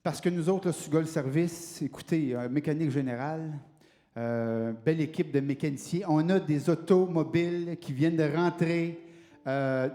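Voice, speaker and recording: A man with a Quebec French accent doing a rambling comic sales pitch for a garage on stage, full of hesitations. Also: a little mellow. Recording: long hall reverb.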